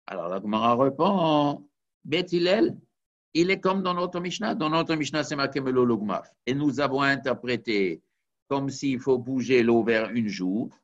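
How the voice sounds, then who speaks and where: A man's voice: mid-range voice, expressive, a little slow. A man teaching a Talmud study lesson, explaining step by step and weaving Hebrew and Aramaic terms into his talk. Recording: dull lo-fi recording.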